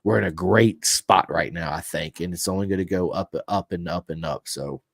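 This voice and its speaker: A man's voice: low voice, moderate pace, creaky, no echo. A man hosting a podcast interview, enthusiastic and chatty, often repeating himself and restarting his sentences. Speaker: podcast host. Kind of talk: casual interview.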